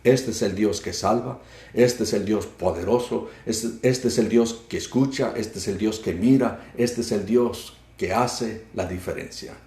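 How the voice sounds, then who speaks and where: A man's voice: fairly low pitch, measured pace, darkish tone, echoey room. A male pastor preaching a sermon with a fervent, repetitive cadence.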